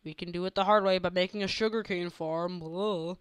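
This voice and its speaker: A man's voice: high-pitched, steady tone, brisk, a bit bright, smooth, no room sound, studio quality. A teenage boy giving casual, goofy gameplay commentary and chatting to his viewers as he plays. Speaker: gaming channel host.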